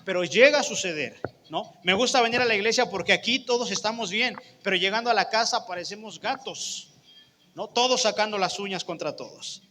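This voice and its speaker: Bright-voiced Mexican preacher in a church. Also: male voice, high voice, a little fast, a little hiss or hum. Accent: Mexican Spanish. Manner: conversational, asks the congregation questions. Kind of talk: sermon. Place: church hall. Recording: long church hall reverb.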